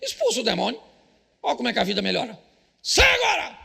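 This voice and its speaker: A middle-aged Brazilian man preaching a live church sermon, cracking jokes, shouting punchlines and quizzing the crowd. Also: high-pitched, huge pitch swings, vocal fry, slightly rough. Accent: Brazilian Portuguese. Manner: jokey, rapid-fire preaching with shouted punchlines and audience call-outs. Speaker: pastor.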